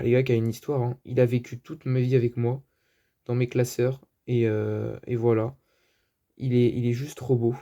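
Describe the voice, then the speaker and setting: A man's voice: mid-range voice, dark tone. A man with a French accent presenting his card collection in a casual, hesitant chat full of fillers. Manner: chatty, hesitant, many fillers. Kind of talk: casual show-and-tell.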